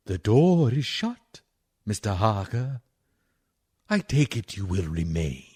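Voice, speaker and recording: A man's voice: fairly low pitch, very animated, slow pace, a little mellow, slight background noise. An actor playing a sinister, courteous vampire count in a radio horror play, drawing out his words with mock-polite menace. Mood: suave menace.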